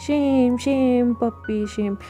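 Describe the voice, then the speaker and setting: A woman's voice: fairly high pitch, takes it slowly, mellow, soft background music. A woman voicing a cheeky little boy and girl who tease and chant together, in a storybook reading. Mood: teasing. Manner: teasing, chanting.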